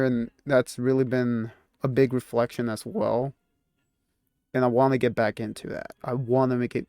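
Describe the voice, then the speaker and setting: A twenty-year-old YouTuber talks casually and reflectively to his channel, rambling, restarting sentences and sometimes laughing at himself. His medium-pitched voice has a darkish, clean tone, captured in a dry, clean studio recording.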